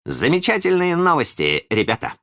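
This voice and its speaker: A man voicing a boastful, excitable boy leader in a read-aloud storybook, in a high, bright boyish voice. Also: normal speed, full character voice. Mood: cheerful, boastful.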